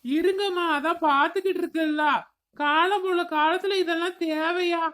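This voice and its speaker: A woman's voice: very high voice, steady tone, fairly bright tone. A woman voicing an impatient middle-aged male doctor in a cartoon comedy, giving curt instructions. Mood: brusque. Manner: brusque, hurried instructions.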